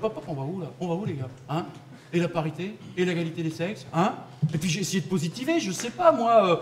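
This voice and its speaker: Animated young stand-up comedian, man. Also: high-pitched, background noise. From France. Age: young adult. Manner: animated, mocking, conversational. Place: theatre stage. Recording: live theatre, loud audience laughter.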